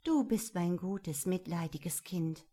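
A woman reading a storybook, voicing a kindly mother who speaks softly to comfort her child. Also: on the low side, slow, husky. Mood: gentle comforting. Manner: soft, soothing. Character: gentle, kindly mother of a little girl.

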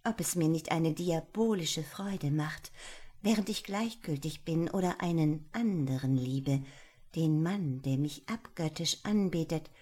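A woman voicing a haughty young noblewoman in an audiobook, speaking softly and languidly, half in a whisper. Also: low voice, unhurried, husky. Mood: cool, menacing. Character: cold, aloof young noblewoman, haughty mistress. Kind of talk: audiobook character voice.

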